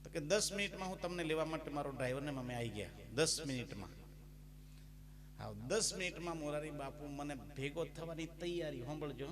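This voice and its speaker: With a crowd audible behind him and instrumental music playing, a bhajan singer and spiritual storyteller with a Gujarati accent delivers a folksy, humorous devotional talk and breaks into song. He speaks briskly in a fairly high voice at this live-music devotional gathering.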